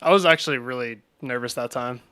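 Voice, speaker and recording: Bright-voiced man streaming a game. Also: medium pitch, fairly quick, slight background noise. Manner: chatty, talks to chat while playing. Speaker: gaming streamer. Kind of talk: casual live-stream commentary.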